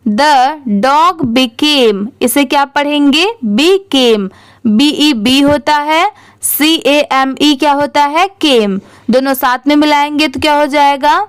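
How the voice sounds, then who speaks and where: High-voiced woman teaching slow spelling. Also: dry recording. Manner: spells words letter by letter, then blends them slowly. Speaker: English reading teacher. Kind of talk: slow spelled-out reading lesson.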